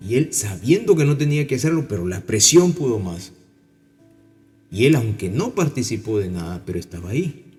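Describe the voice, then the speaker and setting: A man's voice: mid-range voice, moderate pace, faint music behind. A man with a Peruvian accent preaching a sermon, telling stories and acting out the voices of the people in them. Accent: Peruvian Spanish. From Peru. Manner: animated storytelling, acting out voices. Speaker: pastor.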